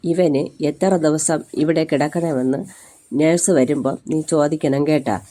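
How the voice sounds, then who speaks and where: Blunt older mother read by the narrator, scolds freely, mellow voice, story reading. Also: medium pitch, fairly even intonation, measured pace, lightly acted.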